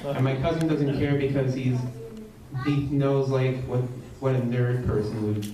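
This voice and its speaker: A young man telling a fan group how he got into the show, with lots of pauses and fillers. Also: mid-range voice, fairly even intonation. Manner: halting, filler-heavy. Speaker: fan meetup member. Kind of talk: casual spoken testimony to a group. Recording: echoey room, distant mic, crowd noise.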